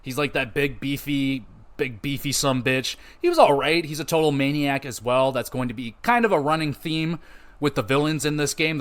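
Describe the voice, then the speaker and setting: A man's voice: medium pitch, a bit bright. A man hosting a podcast, giving a loose, profane, casual game review with plenty of fillers and restarts.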